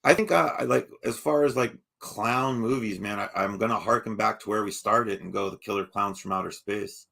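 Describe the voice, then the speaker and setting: A man's voice: lowish voice, brisk, creaky, few pauses, bright, forceful tone. A man hosting a casual horror podcast, talking in a jokey, rambling, self-mocking way. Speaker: podcast host.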